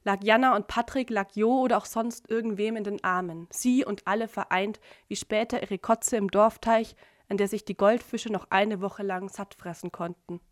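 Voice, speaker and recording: A woman giving a literary reading of prose in a steady, measured way. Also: medium pitch, no room sound, clean studio sound. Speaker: reader.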